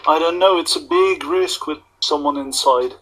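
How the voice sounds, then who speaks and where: A player in a tabletop game, chatting casually and planning actions with quick questions. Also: medium pitch, fairly bright tone, low-quality recording.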